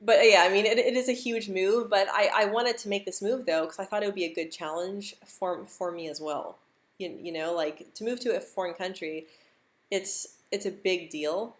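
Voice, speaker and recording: A young American woman with a medium-pitched voice chats casually on a live stream at a moderate pace. She stutters, repeating words and sounds, and laughs easily.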